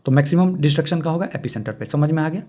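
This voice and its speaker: Mellow-voiced male exam-prep teacher. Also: fairly high pitch, lively intonation, racing. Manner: repeats key points, checks understanding with questions.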